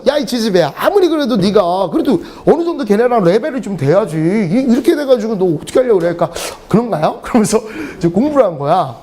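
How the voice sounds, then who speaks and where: A middle-aged man teaching English to a class, telling joking stories and laughing between sentences. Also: high voice. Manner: animated, joking, often laughing mid-sentence. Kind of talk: lecture with humorous storytelling.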